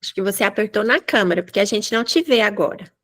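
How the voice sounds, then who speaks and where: A woman mentor hosting an online business meeting, brisk and directive while encouraging the participants. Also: medium pitch, expressive, a bit bright. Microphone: video call.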